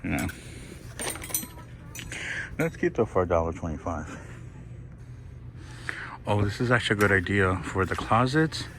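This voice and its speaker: A man with a very deep voice walks through a discount store, chatting into a handheld phone. He gushes and exclaims over everything, and faint store ambience hums behind him. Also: measured pace, pauses often, a little hiss or hum. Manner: gushing, excitable, exclaims and laughs often. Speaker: shopping vlog host. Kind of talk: casual shop-with-me walkthrough.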